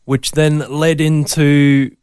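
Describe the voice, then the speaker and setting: A man's voice: on the high side, flat delivery, takes it slowly, a little mellow, smooth, dry recording, clean studio sound. A man from Brisbane with a Queensland Australian accent, telling his story casually and a little hesitantly as an interview guest. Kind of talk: casual personal testimony in interview.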